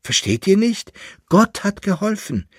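A man reading an audiobook, voicing calm council elders who speak in a measured, reassuring way. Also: sits high, husky, no room sound, clean studio sound, exaggerated voice.

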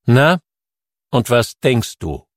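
A man's voice: mid-range voice, very animated, slow pace, no room sound, pitched above the performer's own voice. A man reading an audiobook, voicing a hard, suspicious young man who questions people in a stern, probing way.

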